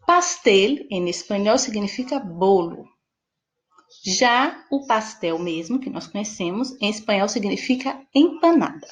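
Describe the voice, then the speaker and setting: A woman's voice: medium pitch, animated, a little slow. A woman with a Brazilian Portuguese accent teaching a Spanish vocabulary lesson, explaining patiently and checking in with her listeners. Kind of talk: online lesson.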